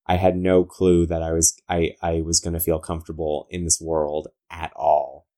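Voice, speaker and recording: A man with a low voice speaks in a Southern Californian accent. He chats casually as an interview guest, with valley girl phrasing that leans heavily on "like". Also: level tone, moderate pace, mellow. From Southern California, United States. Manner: valley girl talk, peppered with "like". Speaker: interviewed comic book writer.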